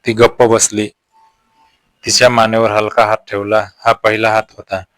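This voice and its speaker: A man narrating a romantic story in the first person, in a slow, gentle, hushed manner. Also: on the low side, level tone, dry recording.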